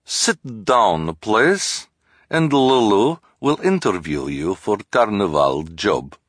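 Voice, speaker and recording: A man's voice: mid-range voice, very animated, takes it slowly, no echo, clean studio sound, voice pushed up. A man voicing a sly foreign woman fortune-teller who speaks broken English, in an audiobook. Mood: inviting. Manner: broken English, drops articles.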